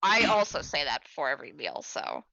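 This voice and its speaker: A tabletop game player chatting quickly and loosely about the group's plan. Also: medium pitch, wildly swooping pitch, gravelly, sharp tone, dry recording, muffled recording.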